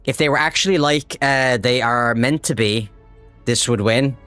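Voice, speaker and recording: Excitable Irish man streaming a game. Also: mid-range voice, normal speed, clear, resonant tone, dry recording, faint music behind. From Ireland. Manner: excitable, swears freely, talks to chat. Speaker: livestream gamer. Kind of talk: casual live gameplay chat.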